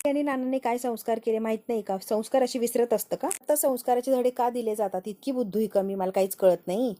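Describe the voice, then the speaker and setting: A woman narrates an episode recap of a TV serial at high speed and slips into the characters' lines as she goes. Her voice is somewhat high but dark and mellow in tone. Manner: rapid retelling, voicing each character. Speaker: TV serial reviewer.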